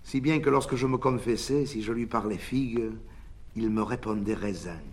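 A man voicing a prim, gossipy elderly church woman who talks low and confiding. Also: moderate pace, darkish tone, breathy edge, lightly acted. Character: pious old woman, head of a parish sisterhood, gossipy.

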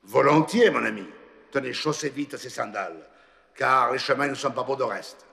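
A man's voice: mid-range voice, normal speed, vocal fry, sharp tone, in a large hall. A man voicing a genial, kindly old saint who keeps heaven's gate, in a story reading. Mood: reassuring. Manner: hearty, kindly, reassuring.

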